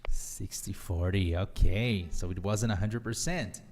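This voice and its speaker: Speaking slowly in a low, slightly mellow voice, a man with a Brazilian Portuguese accent hosts a live online English class. He's an upbeat teacher and podcast host who mixes English phrases into his explanations. The audio has a big-room sound and slight background noise.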